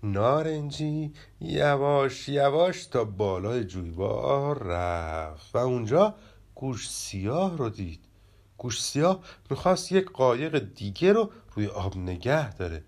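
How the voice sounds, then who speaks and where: A man reading a children's story aloud in an expressive, animated manner. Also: mid-range voice.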